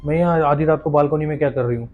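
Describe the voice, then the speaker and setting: A man's voice: a little high, steady tone, racing, narrow, tinny audio, faint music behind, close to an everyday voice. A man voicing a young wife who speaks in an anxious, bewildered way. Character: young wife, confused and frightened.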